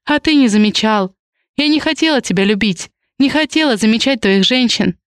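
A woman reading an audiobook, voicing a lovestruck young woman in a lighter, higher tone. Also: animated, moderate pace, smooth, no echo, studio quality, close to an everyday voice. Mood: wistful. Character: young woman, teasing yet tender, lovestruck.

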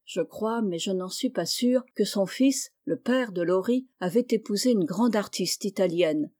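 A gentle, sensible mother of four girls who answers in a calm, measured voice, read aloud by a woman. Her pitch sits in the middle, without any bright or sharp edge. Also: no echo, studio quality, close to an everyday voice. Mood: thoughtful.

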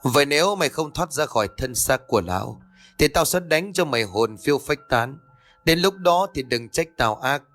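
Man doing a gruff old village exorcist. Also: medium pitch, animated, fairly quick, a bit bright, faint music behind, lightly acted. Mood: stern. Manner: gruff, commanding.

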